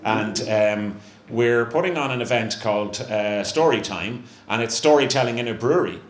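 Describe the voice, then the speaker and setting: A middle-aged Irishman, a brewery representative appearing as a guest, chats casually on stage at a small live venue, poking fun at himself and restarting often. His voice sits in the mid-range and moves at a moderate pace. He speaks into a handheld mic on a stand, and the room sounds echoey with a faint hum.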